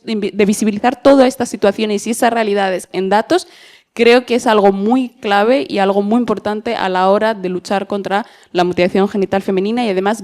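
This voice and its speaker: A woman's voice: mid-range voice, darkish tone. Woman, mid-range voice, panel moderator, semi-formal, conversational, frequent tag questions.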